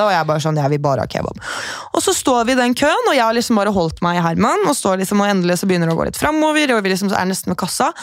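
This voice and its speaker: A woman's voice: mid-range voice, no echo, clean studio sound. A young woman from Norway co-hosting a podcast, telling stories animatedly, acting out what people said and laughing often. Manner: animated storyteller, acts out quotes, laughs often. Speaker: podcast co-host. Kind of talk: casual chat.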